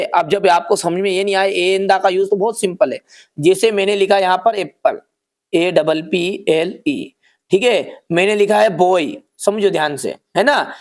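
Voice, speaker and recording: Man, teacher, slow-paced, patient, word-by-word reading, frequent checks with the class. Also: sits high. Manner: reads English sentences word by word. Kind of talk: exam paper lesson.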